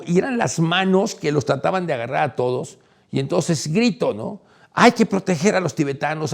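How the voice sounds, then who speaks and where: A man telling a personal story in a lively way, his voice climbing high and loud at the exciting parts. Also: gravelly. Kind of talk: animated storytelling.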